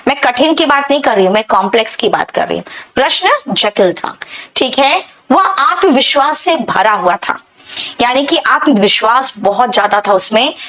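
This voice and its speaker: A woman's voice: high voice, a bit bright, poor audio. A woman teaching spoken English in a bilingual lesson, repeating words and drilling pronunciation and addressing her students as "beta".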